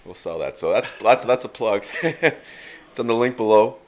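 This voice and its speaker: A man co-hosting a podcast, chatting casually and telling rambling, animated stories. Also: lowish voice, normal speed, a little hiss or hum. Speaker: podcast co-host. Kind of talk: casual chat. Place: rural cottage area.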